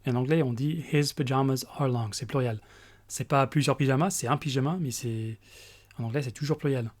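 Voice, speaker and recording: A man teaching English grammar in a recorded lesson, explaining step by step with pauses and fillers. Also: medium pitch, darkish tone.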